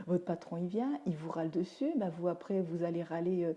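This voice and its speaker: A woman's voice: on the low side, fairly quick, warm tone, highs cut off. A woman giving a chatty, down-to-earth live talk, answering viewers' comments as she goes. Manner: chatty and down-to-earth, with frequent fillers. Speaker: teacher and parenting speaker. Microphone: phone or webcam for a livestream.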